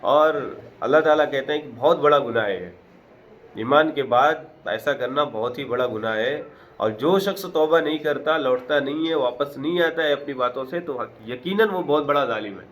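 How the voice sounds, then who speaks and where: An earnest man gives a verse-by-verse scripture lesson, reciting a phrase and then unpacking it slowly in everyday speech. His voice sits at an ordinary middle pitch, and a faint hiss of noise runs behind him. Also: a bit bright. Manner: recites Arabic phrases then explains them in plain conversational Urdu; repetitive, earnest, preacher-like emphasis. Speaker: Quran teacher. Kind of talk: verse-by-verse Quran explanation.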